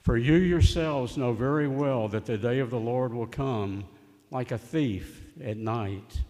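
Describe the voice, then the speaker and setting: A man reads scripture as a lector at Mass, in a measured, formal way in a large echoing church. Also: medium pitch, a little mellow. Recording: long echo of a large church.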